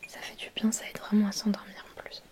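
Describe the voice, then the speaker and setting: A woman in a whispered role-play, speaking in a soft, breathy whisper, quiet at night, gently soothing and reassuring the listener step by step. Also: quick pace. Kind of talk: whispered role-play, ASMR bedtime pampering.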